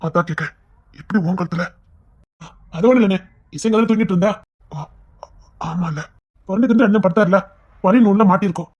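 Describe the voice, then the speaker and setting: A woman with a husky voice carries a family serial on her own, playing every part. She moves from stern, brotherly scolding to soft, coaxing tenderness. Her pitch sits in an ordinary middle range. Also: a little fast, long pauses, muffled recording. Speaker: storyteller voicing a whole family.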